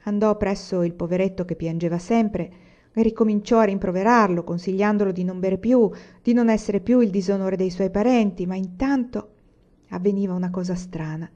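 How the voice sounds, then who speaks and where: A woman reading a classic novel aloud in a measured, even storytelling manner. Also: medium pitch, lo-fi sound. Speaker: audiobook reader. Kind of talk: literary audiobook narration.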